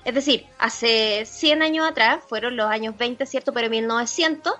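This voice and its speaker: Chilean girl co-hosting a podcast, high voice, casual, dull lofi audio. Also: normal speed, pushed and bright, soft background music. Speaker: podcast co-host. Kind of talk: casual chat.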